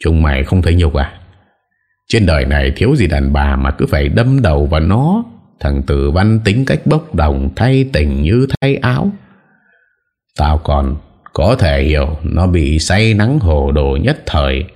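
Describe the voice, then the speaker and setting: A man's voice: a bass voice, expressive, unhurried, darkish tone, full character voice. A male narrator voicing a furious, tyrannical old lord who roars and scolds with contempt. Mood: scornful scolding. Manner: roaring, harsh and contemptuous.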